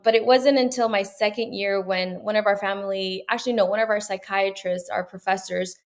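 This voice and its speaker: A woman's voice: medium pitch, fairly even intonation, brisk. A young woman from Peru, a medical student, answering interview questions in an earnest, reflective way with frequent fillers and restarts.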